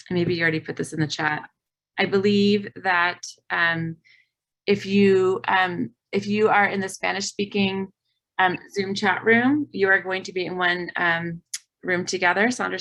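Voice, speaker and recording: A woman's voice: fairly low pitch, fairly bright tone. A woman facilitating a community video meeting, earnest and full of fillers. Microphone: video call.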